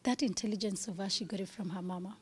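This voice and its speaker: A woman's voice: medium pitch, fairly even intonation, quick pace, slight background noise. A woman in her thirties, speaking candidly as an interview guest, earnest and at times dropping to a whisper.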